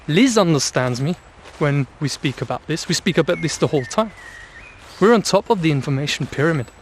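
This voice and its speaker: A man hosting a spiritual vlog, speaking in slow, emphatic, commanding declarations, recorded outdoors in the countryside. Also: fairly high pitch, animated, a little hiss or hum. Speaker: channel host.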